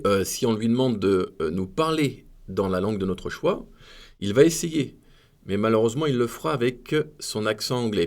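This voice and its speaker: A man with a lowish voice walks viewers through a software demo from his desk. He talks casually and hesitantly, pausing on fillers and correcting himself as he goes. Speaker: tech video host. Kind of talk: screen-recorded software demo.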